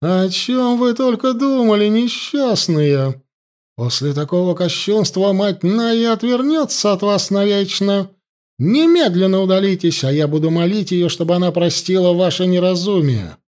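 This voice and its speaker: A cruel, scheming high priestess, mocking and cold, her voice pitched high and swinging widely as she taunts her captive, as a man puts her on. She speaks with icy command in this storybook reading. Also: sing-song, slow, darkish tone, exaggerated voice.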